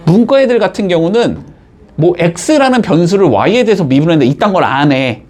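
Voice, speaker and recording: Speaking at a normal, animated pace, a man gives a math lesson in a classroom style, working step by step and frequently checking on students with short questions. His voice sits high, with a darkish tone.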